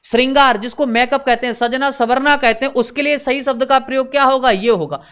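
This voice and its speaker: A man teaching an exam-prep lesson. He repeats each point, quizzes listeners with questions, slows down on key words and adds teasing asides. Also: very high-pitched, steady tone, fairly bright tone, clear, resonant tone.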